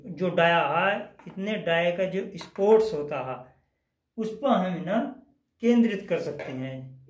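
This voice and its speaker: A man's voice: high-pitched, reverberant. A man teaching a technical lesson at a whiteboard, explaining step by step and repeating phrases as he goes. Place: indoors at a whiteboard.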